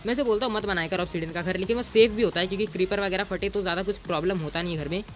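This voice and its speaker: A man's voice: sits high, very fast, a bit bright, faint music behind. A man giving casual gameplay commentary as a gaming YouTuber, bossy and teasing, throwing in English exclamations.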